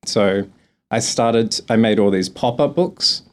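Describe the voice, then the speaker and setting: A young Australian man with a mild accent answers interview questions as a guest, chatting easily, laughing often and frequently restarting. His voice is fairly low-pitched and slow.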